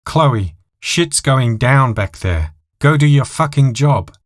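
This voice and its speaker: Man acting hot-tempered airline pilot, raised pitch. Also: animated, unhurried, no room sound, clean studio sound, close to an everyday voice. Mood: angry. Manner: shouting, exasperated, sweary. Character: hot-tempered male airline pilot, frantic and foul-mouthed. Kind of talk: acted dialogue in an audio thriller story.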